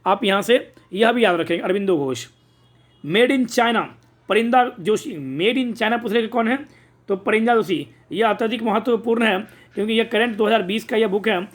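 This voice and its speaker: A man's voice: sits high, moderate pace. A man teaching an exam-prep lesson, posing quiz questions and repeating the answers to drill them.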